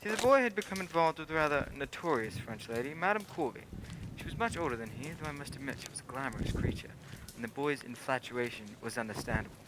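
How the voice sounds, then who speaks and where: A man's voice: mid-range voice, expressive, fast talker, close to an everyday voice. A man playing a genial, loyal doctor who courteously tells his old adventures in a radio play. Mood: storytelling. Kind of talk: old-time radio play narration and dialogue. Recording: clearly noisy background.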